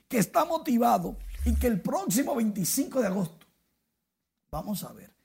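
High-pitched husky sportscaster. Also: male voice. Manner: lively, excited play-by-play delivery. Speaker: sports presenter. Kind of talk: sports news segment.

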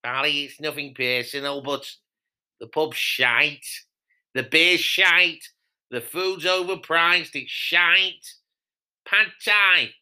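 A man's voice: fairly high pitch, takes it slowly, bright, forceful tone, clear, resonant tone, pitched above the performer's own voice, exaggerated voice. A man voicing a blunt, crude male pub regular who talks down a rival pub in a comedy podcast. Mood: scornful.

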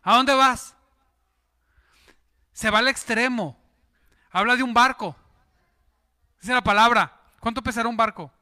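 Bright, lively preacher man. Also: extremely high pitch, a little slow, long pauses. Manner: lively, jokes and asks the congregation questions. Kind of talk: sermon.

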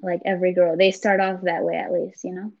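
A woman's voice: on the low side, flat delivery, brisk, creaky, a little mellow. A woman co-hosting a podcast, chatty and explaining things at length in a casual way. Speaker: podcast co-host. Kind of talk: casual chat. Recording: dull lo-fi audio.

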